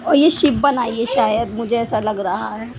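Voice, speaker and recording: A woman's voice: a little high, moderate pace, noisy background. A young mother in a casual family vlog, talking to viewers while scolding and cooing at her small children. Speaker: vlogger mother.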